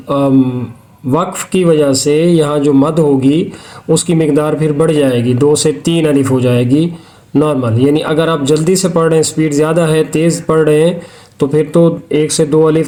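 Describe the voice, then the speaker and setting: A man teaching tajweed in a methodical, repetitive way, breaking into slow, drawn-out Quran recitation between explanations. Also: fairly high pitch, warm tone. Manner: methodical, repeats rules step by step. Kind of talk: Hindi-Urdu lesson on tajweed, with recitation.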